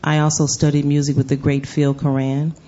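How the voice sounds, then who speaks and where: A woman's voice: sits low, completely flat delivery, a little fast, warm tone. A woman from Chicago, a jazz vocalist, telling stories in a live radio interview at a venue. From Chicago, United States. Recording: slightly dull lo-fi sound.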